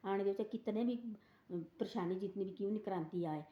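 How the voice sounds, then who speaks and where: A woman's voice: mid-range voice, a little fast, dull audio. A woman telling a moral folk story in a rambling, casual way, repeating "she said" between quoted lines.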